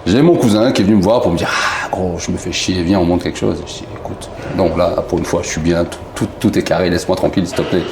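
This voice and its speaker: A man from Marseille, a company founder telling his story in a relaxed, rambling way with many fillers. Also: low-pitched, fast, few pauses. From southern France, Marseille. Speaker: company founder, interview guest. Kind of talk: casual interview chat. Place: indoor bar room. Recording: echoey room, faint background noise.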